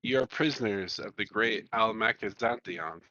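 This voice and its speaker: A man voicing a solemn female crystalline elemental being, who speaks in a formal, measured way over a dull, dry, lo-fi microphone. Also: on the low side, pushed and bright, dry recording. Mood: formal, stern.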